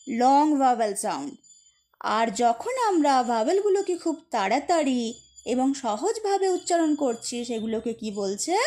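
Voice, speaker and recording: A woman teaching an English grammar lesson, speaking to her students as friends and repeating each example word slowly and clearly. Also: high voice, darkish tone.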